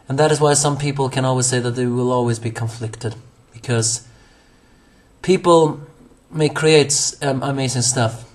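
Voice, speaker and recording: Alone, a hoarse young man rambles through a review of an anime episode, full of fillers, false starts, and corrections of himself. His voice is medium in pitch.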